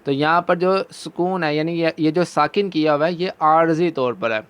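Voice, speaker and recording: A man with a Pakistani Urdu accent teaching Quran recitation, chanting verses slowly and drawn out between brisk explanations. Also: fairly high pitch, a bit bright, smooth. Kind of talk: recitation lesson.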